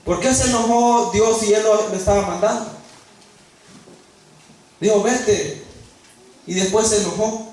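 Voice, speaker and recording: A man's voice: sits high, fairly even intonation, a little slow, long pauses, darkish tone. A man preaching a sermon, acting out dialogue in changing voices. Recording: echoey room heard from a distance.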